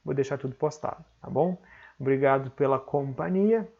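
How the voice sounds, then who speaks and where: In an online exam-prep lesson, a man with a Brazilian accent explains things one step at a time, frequently tossing in short tag questions to check understanding. His mid-range voice is creaky, and the audio sounds narrow and tinny.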